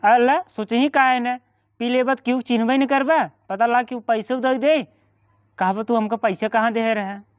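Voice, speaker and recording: A man's voice: very high voice, fairly even intonation, normal speed, smooth, dry recording. Man acting a bossy village brother-in-law, muffled sound. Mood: scolding. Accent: eastern Uttar Pradesh. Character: bossy, scheming younger village brother-in-law scolding a drunkard. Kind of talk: amateur comedy skit acting.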